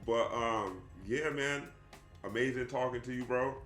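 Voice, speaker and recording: A man's voice: mid-range voice, a little slow, fairly bright tone, soft background music. A young adult man hosting a casual interview, laid-back and slangy, calling his guest "bro". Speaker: podcast host. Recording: echoey room.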